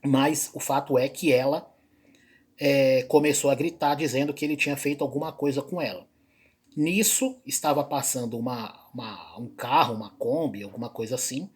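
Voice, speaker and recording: Man, husky raspy voice, loose unscripted commentary, reaction host. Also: medium pitch. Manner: rambling, with many fillers and trailing pauses. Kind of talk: casual spoken commentary.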